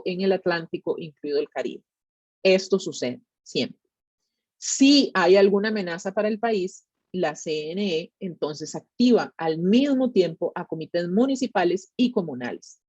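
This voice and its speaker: A woman's voice: mid-range voice, a little mellow, dry recording, muffled recording. A woman with a Costa Rican Spanish accent giving an explanatory educational talk in a conversational way, often checking in with short tag questions. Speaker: tsunami monitoring specialist giving a public talk.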